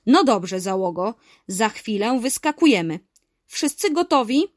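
A woman voicing a brave, cheerful uncle who leads a diving crew and loudly scolds wrongdoers, in a children's story. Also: a little high, sing-song, a little slow.

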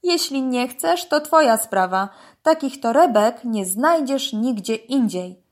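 A woman's voice: fairly high pitch, lively intonation, slow pace, pitched above the performer's own voice. A woman voicing an angry male python who sells illegal handbags and pleads shrilly when caught. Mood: pushy salesman. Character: angry hissing python, male con-artist trader.

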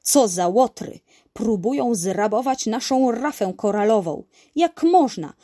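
A woman voicing a brave, cheerful uncle who leads a diving crew and loudly scolds wrongdoers, in a children's story. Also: medium pitch, big pitch swings, takes it slowly. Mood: indignant.

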